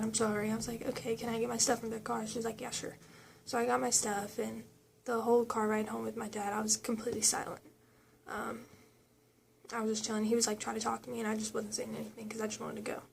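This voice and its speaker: A woman's voice: on the high side, gravelly, a little mellow, a little hiss or hum. A young woman telling a personal story in a casual storytime vlog, chatty and full of fillers as she quotes others. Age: young adult. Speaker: vlogger.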